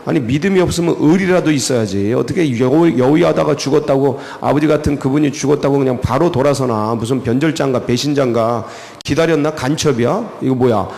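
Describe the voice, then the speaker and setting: A male pastor preaching a dawn sermon in a church, animated and colloquial, firing off rhetorical questions. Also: mid-range voice, fairly quick, gravelly, big-room sound. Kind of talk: early-morning sermon. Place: church sanctuary.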